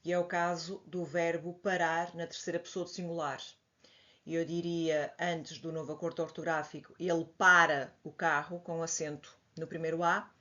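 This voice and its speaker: A woman with a European Portuguese accent, teaching a grammar lesson and patiently explaining, spelling examples out slowly. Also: lowish voice. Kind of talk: slide-based grammar lesson. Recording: dull lo-fi audio.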